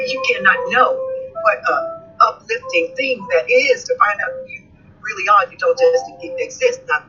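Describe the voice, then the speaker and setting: A woman's voice: sits high, pushed and bright, breathy edge. A woman, telling her family story with heartfelt conviction in a played clip. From Atlanta, Georgia. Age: 70s. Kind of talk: earnest personal storytelling. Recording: dull lo-fi clip with faint music behind.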